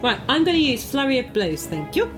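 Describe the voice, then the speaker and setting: A woman playing a tabletop game, lively and giggly, thinking aloud as she plays. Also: sits high, brisk, music in the background. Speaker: player. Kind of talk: casual tabletop game chat.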